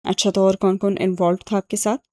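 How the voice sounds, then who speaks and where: A woman's voice: mid-range voice, little pitch movement, a little mellow, no echo, lightly acted. A woman reading an audiobook and voicing an indignant young man who fires accusing questions. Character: indignant young man, quick-tempered brother.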